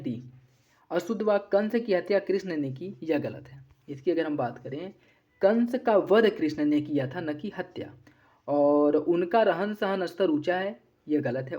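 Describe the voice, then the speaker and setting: A teacher giving an exam-prep grammar lesson, running quickly through corrections in a set drilling pattern. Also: medium pitch, a little mellow. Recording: dull lo-fi recording.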